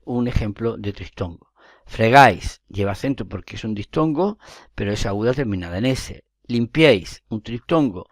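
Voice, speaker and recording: Male teacher, mid-pitched, dry close sound, patient step-by-step explanations with quick check-ins. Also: a little mellow, dry recording. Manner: explains step by step, with checking asides and self-corrections. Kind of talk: spoken grammar lesson.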